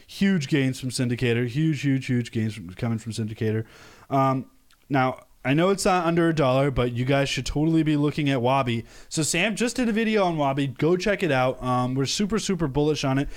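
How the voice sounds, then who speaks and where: A man's voice: fairly high pitch, animated, a little fast. A young American man from the United States hosting a casual live stream, talking upbeat and rambling with many fillers and restarts. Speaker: crypto channel host.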